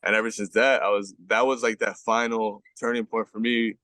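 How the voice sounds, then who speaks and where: A man's voice: on the low side, level tone, normal speed, sharp tone, dry recording. A man in his twenties, a guest on a podcast, telling stories in casual, slangy speech full of fillers and swearing. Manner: slangy, profane storytelling with many fillers. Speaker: guest, baseball pitcher.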